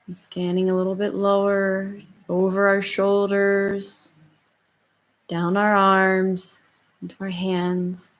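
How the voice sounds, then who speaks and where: Soft, soothing woman guiding meditation. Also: medium pitch, completely flat delivery. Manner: soft, soothing, slow murmur with long pauses. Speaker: yoga and meditation instructor. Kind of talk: guided meditation.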